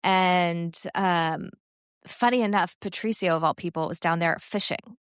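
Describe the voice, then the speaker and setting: Chatty woman with a smooth, dry voice. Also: lowish voice, a little slow, no echo. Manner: chatty, laughs often, many fillers. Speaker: podcast co-host. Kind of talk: casual sports chat.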